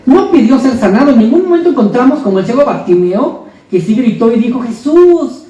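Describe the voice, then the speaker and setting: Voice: mid-range voice, animated, fast, warm tone. A preacher delivering an earnest sermon in a church, speaking straight to the listeners and asking rhetorical questions. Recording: echoey church hall from far off, faint noise.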